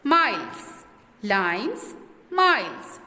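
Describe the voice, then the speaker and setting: A woman teacher slowly and patiently explaining vowel sounds, asking and answering her own questions. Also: medium pitch, very animated, pushed and bright. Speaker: English teacher. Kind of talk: recorded online lesson. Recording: echoey room with long reverb.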